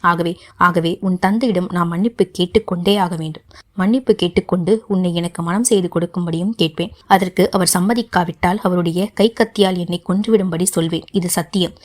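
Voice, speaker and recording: A woman narrating an audiobook, voicing an earnest young nobleman who pleads and makes solemn vows in a fairly low voice. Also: steady tone, a little fast, natural voice.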